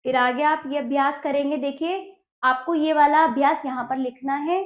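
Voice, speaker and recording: A woman's voice: high-pitched, fairly even intonation, normal speed. A woman teacher reading a children's lesson aloud, saying each word twice before the whole line. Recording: dull lo-fi audio.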